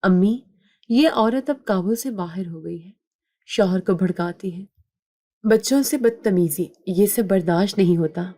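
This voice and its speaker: A woman's voice: medium pitch, warm tone, lightly acted. A woman voicing a scornful elder sister-in-law complaining about the bride.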